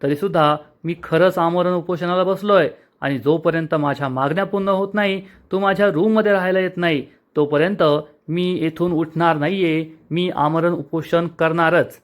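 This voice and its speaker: A man's voice: a little high, steady tone, normal speed, few pauses, natural voice. A man reading the lines of a stubborn, playfully scheming young husband, pleading and insistent.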